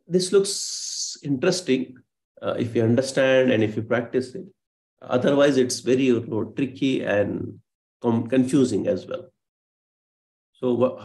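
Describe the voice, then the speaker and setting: Gravelly man lecturing online. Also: medium pitch, moderate pace, warm tone. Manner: explains patiently, many fillers and self-corrections.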